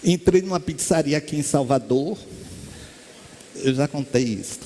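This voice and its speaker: A man's voice: fairly high pitch, normal speed, slight background noise. A man with a Brazilian Portuguese accent giving a spiritist lecture, telling stories and acting out the voices of the people in them. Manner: lively storyteller, acts out quoted voices. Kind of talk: storytelling lecture. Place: lecture hall stage.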